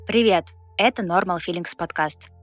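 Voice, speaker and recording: A woman's voice: lowish voice, normal speed, faint music behind. A woman around thirty co-hosting a podcast, talking reflectively and openly about her feelings in casual chat. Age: 30s. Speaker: podcast co-host.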